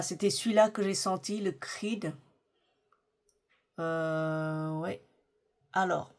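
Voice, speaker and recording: A middle-aged woman talks casually to her viewers at a slow, unhurried pace. She is chatty and hesitant, often restarting her sentences and filling pauses. Her pitch sits in an ordinary middle range. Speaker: lifestyle vlogger. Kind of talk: casual chat about perfumes.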